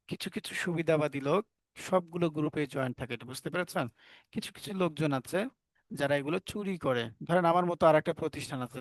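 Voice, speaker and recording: A man's voice: a little high, no room sound. A man with a Bangladeshi accent teaching an online class, explaining step by step and asking his students questions. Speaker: English teacher.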